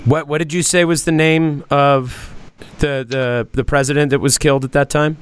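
Smooth-voiced casual podcast host man. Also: fairly high pitch, fairly even intonation, moderate pace. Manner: casual, profane, repeats words as he thinks. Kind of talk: casual chat.

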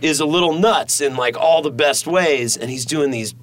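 Speaking at a moderate pace, this man has a fairly bright, somewhat high voice. He hosts a studio podcast, rambling through casual talk full of fillers and profanity.

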